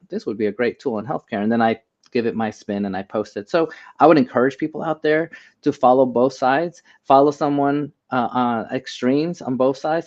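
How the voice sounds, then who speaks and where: An American doctor and healthcare AI expert speaks as an interview guest, his medium-pitched voice carrying a darkish tone. The audio is dull and lo-fi, and he talks earnestly and conversationally, offering advice and personal stories.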